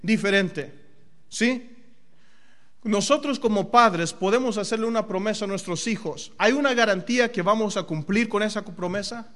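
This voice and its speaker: A man preaching a sermon, asking the congregation questions and answering them himself, dropping into English phrases now and then. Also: normal speed. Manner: swings from loud emphasis to low, soft phrasing.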